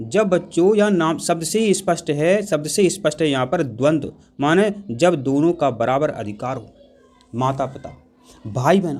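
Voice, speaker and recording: A man's voice: a little high, darkish tone. A man teaching an exam-prep grammar lesson, repeating key points and putting questions to the class. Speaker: Hindi teacher.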